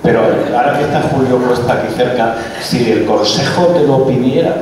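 A man's voice: mid-range voice, normal speed. A man, a journalist interviewing a guest in a friendly, probing way and pressing his questions. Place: large parish church hall. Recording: echoey hall, far from the mic, audible noise.

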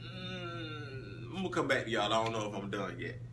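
A man in his thirties hosts a casual monologue recapping his flag football league, speaking in a sing-song way at a moderate pace and switching between emphatic loud call-outs and low asides. He sits in a small indoor room by a wall poster, and the phone held at arm's length captures slightly distant audio with a faint hum.

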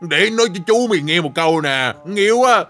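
A man's voice: high voice, lively intonation, fast talker, a bit bright. A man voicing a boastful bullying village thug boss in a game role-play, taunting with mocking laughter.

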